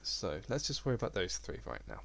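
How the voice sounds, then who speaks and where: Young guy, low voice, casual rambling screen-recorded tutorial at his desk mic. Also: brisk, gravelly, a little hiss or hum. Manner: relaxed, rambling, self-deprecating. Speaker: game development tutor.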